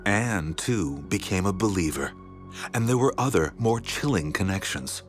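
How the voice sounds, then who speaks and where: Low-voiced man narrating a documentary. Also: expressive. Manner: dramatic, slows on key words. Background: background music.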